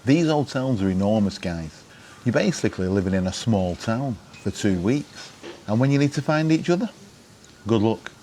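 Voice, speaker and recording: A middle-aged British vlogger giving gadget advice presents to camera in a lowish, warm, animated voice at a moderate pace, with a little hiss or hum. His style is informal, wry and chatty, and he often poses questions to the viewer.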